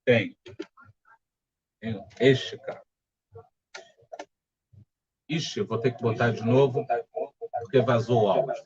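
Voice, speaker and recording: A man with a Brazilian Portuguese accent leading a spiritual study group, speaking in a calm, gentle, explanatory way. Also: medium pitch, unhurried, long pauses, slightly rough, dull audio. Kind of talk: reflective spiritual study talk. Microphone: home setup with earphones.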